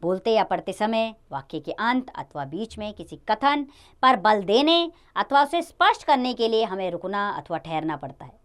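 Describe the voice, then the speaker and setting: A woman teaching a grammar lesson to children, lively, stressing key words and dropping low at the ends of sentences. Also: normal speed, smooth.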